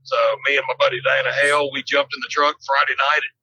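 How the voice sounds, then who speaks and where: A man with a harsh, raspy, hoarse voice chatting casually and animatedly, slangy and sweary, telling stories. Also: mid-range voice, completely flat delivery, quick pace, bright, forceful tone, dry recording, dull audio. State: hoarse from desert dust. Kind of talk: casual storytelling chat.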